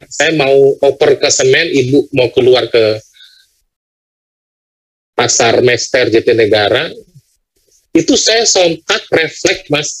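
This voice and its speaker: A man's voice: a little high, rough recording. A middle-aged man from Indonesia, earnestly telling an emotional personal story as an interview guest. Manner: earnest, addresses the host often.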